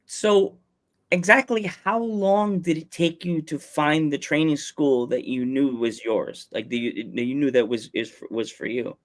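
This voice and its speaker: A man hosts a casual wrestling podcast interview, enthusiastic and often restarting his questions. His voice is a little high and his pace a little slow.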